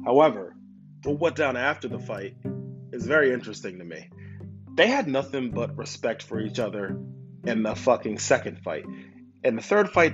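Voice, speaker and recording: A man giving a casual, profane rant about a fight, swearing constantly and firing questions at his viewers. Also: mid-range voice. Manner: swears constantly, animated, asks the audience questions. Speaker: commentator on fights. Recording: dull lo-fi sound with loud guitar music.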